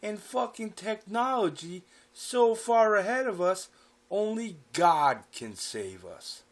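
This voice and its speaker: A man voicing his drunk, furious middle-aged father, ranting and swearing loudly. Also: sits high, very animated, slow, voice pushed up, full character voice. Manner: shouting, profane.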